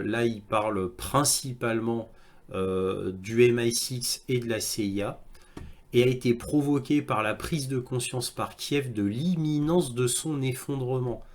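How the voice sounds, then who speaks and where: A man commenting on video clips and reading articles aloud, with halting delivery and frequent hesitations. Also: mid-range voice. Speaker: online news commentator.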